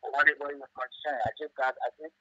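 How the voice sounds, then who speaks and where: A male caller on a call-in radio show, talking with the phone held away from his mouth and pausing and repeating words as he asks his question. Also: medium pitch, fairly even intonation, pushed and bright, breathy edge. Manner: halting, repeats words while asking. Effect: phone held away from the mouth, faint and distant. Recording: muffled phone line, far from the mic.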